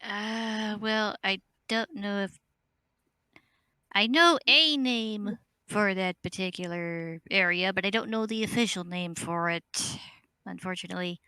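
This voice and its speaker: A woman's voice: mid-range voice, measured pace, sharp tone, smooth. A woman playing in an online quiz game on a voice call, hesitant and often starting with filler sounds. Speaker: quiz contestant. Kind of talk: casual chat on a voice call.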